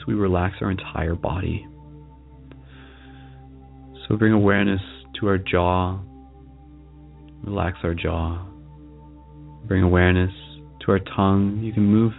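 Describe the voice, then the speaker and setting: Male meditation guide: low, gravelly voice, soft and soothing, leaving long pauses, over music. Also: phone-quality sound. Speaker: meditation guide, show host.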